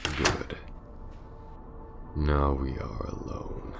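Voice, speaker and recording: A man voicing a smug, menacing aristocratic vampire lord in an ASMR roleplay, gravelly and breathy, often sinking to a whisper, with a pompous, taunting drawl. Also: extremely low pitch, drawn-out words, over loud music, exaggerated voice.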